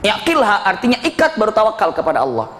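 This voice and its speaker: A man giving an Islamic sermon with storytelling. He talks in a lively way, laughs through his anecdotes and asks and answers his own questions. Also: high voice, fast. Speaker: preacher. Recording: echoey hall with faint ambience.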